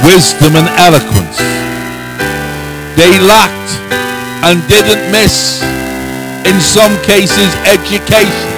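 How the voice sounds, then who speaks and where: A middle-aged man preaching and reading out a summary in solemn, declamatory, measured phrases, on a handheld microphone. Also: sits high, low-quality recording. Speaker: preacher and prayer meeting leader. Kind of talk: sermon, reading out a prepared summary. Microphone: handheld microphone held close.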